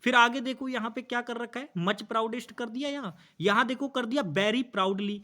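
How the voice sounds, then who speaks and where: A young man teaching an exam-prep English grammar lesson, explaining patiently, asking students questions and reading example sentences slowly. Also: extremely high pitch, steady tone, bright, forceful tone. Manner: explains patiently, asks students questions, calls them bhai and bhaiya.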